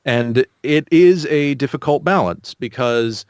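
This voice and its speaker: A man giving casual, explanatory answers as an interview guest, thinking aloud with measured pauses. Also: medium pitch, clear, resonant tone, dry recording, studio quality.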